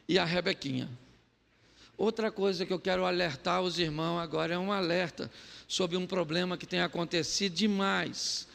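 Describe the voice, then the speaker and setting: A man's voice: high voice, vocal fry. A man with a Brazilian Portuguese accent preaching a comedic sermon as a pastor, acting out the people in his stories. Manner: animated storytelling, acts out quoted voices. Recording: long hall reverb.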